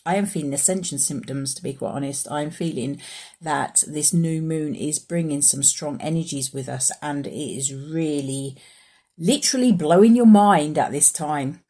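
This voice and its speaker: A woman's voice: sits low, normal speed, mellow. A woman chatting casually in a spiritual vlog and pulling oracle cards, rambling with fillers and restarts. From United Kingdom. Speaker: spiritual oracle card reader.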